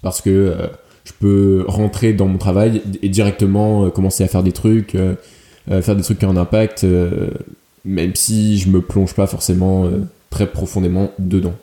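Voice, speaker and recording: Man, low dark mellow voice, podcast chat, roomy echo. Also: little pitch movement, moderate pace. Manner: reflective, explanatory, hesitant. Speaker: podcast co-host.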